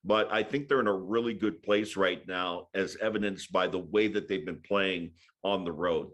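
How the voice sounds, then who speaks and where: A man's voice: sits low, moderate pace, fairly bright tone. A man from Hawaii, a sports broadcaster, talking as a guest in a casual interview, thoughtful with many fillers.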